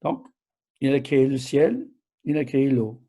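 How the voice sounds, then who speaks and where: An older man preaches informally in a soft-edged, husky voice. His accent blends southern France with America, and his French is a little broken, with halting self-corrections and small questions to the listener. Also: medium pitch, big pitch swings. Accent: mixed southern French and American. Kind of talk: informal Bible teaching.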